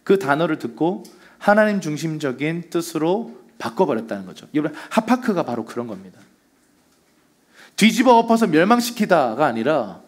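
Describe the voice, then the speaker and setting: A man preaching a Sunday sermon as pastor, telling the story with energy and acting out the lines he quotes. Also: a little high.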